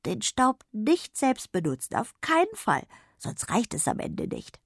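A woman's voice: on the high side, wildly swooping pitch, measured pace, slightly rough, no room sound, studio quality, voice pushed up, heavily acted. A woman voicing a small, feverish, sleepy fairy in a children's radio story. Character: small sick sniffly female star fairy.

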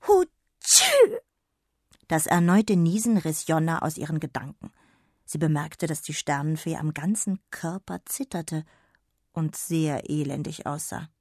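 A woman gently reading a children's radio story aloud. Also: low voice, moderate pace, no room sound, studio quality. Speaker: narrator.

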